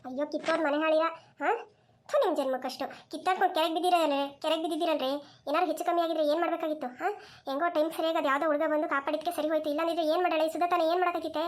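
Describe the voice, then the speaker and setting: A woman's voice: very high voice, fairly even intonation, rapid-fire. A woman voicing a bossy older village woman in a cartoon who scolds and nags. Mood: scolding. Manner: scolding, nagging. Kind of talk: cartoon voice acting.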